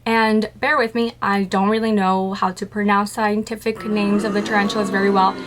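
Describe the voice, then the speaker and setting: A tarantula-keeping vlogger chats to camera about her spiders in a casual, scripted way, playfully posing questions to herself and then answering them. Her voice is medium-pitched, and the background is noisy.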